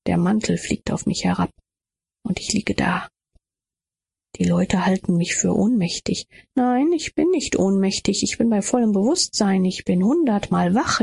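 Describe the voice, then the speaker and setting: A woman's voice: medium pitch, gravelly, darkish tone, slightly rough. A woman reading an audiobook as an intense first-person inner monologue, with whispered asides. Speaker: audiobook reader.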